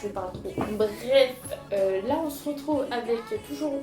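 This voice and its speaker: A woman's voice: on the high side, lively intonation, normal speed. A young woman chatting casually about her manga purchases, hesitant and full of fillers and restarts. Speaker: manga vlogger. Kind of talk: casual chat showing purchases. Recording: echoey room with music behind.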